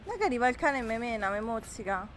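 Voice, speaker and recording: A woman talks over a game on a live stream, her voice sitting high for a woman. She is chatty and easily startled, greeting viewers, and a faint hiss lies under her desk-mic sound. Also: big pitch swings, fast. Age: 30s. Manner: chatty and jumpy, laughing often, greeting viewers. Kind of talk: casual live-stream chat while gaming.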